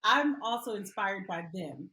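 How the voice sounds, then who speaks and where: A middle-aged woman from Liberia, a mother speaking as a guest and telling her story earnestly with frequent pauses. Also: medium pitch, animated, bright, forceful tone, echoey room, rough recording. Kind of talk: interview answers.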